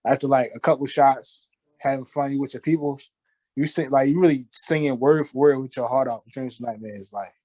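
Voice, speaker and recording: A man's voice: medium pitch, fairly even intonation, a little fast, mellow, no echo. A man co-hosting a podcast, rambling and joking with lots of fillers. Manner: rambling, jokey, many fillers like "you know what I'm saying". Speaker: podcast co-host. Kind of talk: casual chat.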